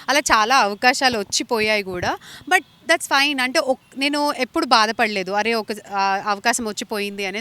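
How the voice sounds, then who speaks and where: A woman's voice: on the high side, sharp tone, clean tone. A young woman from India answering interview questions earnestly and mixing English phrases into her speech. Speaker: actress interviewee.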